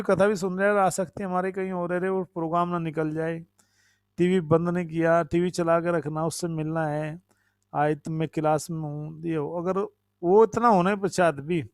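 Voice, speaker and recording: A man's voice: high-pitched, no room sound, studio quality. A man giving a devotional talk, conversational, repeating phrases, asking his listeners questions and thanking them by name. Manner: reads and thanks commenters by name. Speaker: preacher. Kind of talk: devotional discourse.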